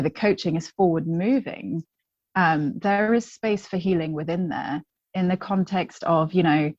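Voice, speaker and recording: Woman guesting on a podcast, lowish voice, candid, lots of ums, dry dull audio. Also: darkish tone, dry recording. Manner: chatty and candid, with frequent ums and restarts. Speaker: guest, positive psychology coach. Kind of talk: casual conversational interview.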